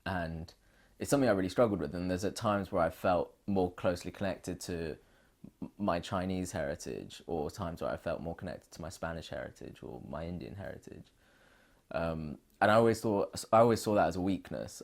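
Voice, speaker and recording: A British man with a very deep, low voice, being interviewed for an oral history. He talks in an earnest, reflective way. He often pauses and restarts his sentences as he thinks aloud. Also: vocal fry. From United Kingdom.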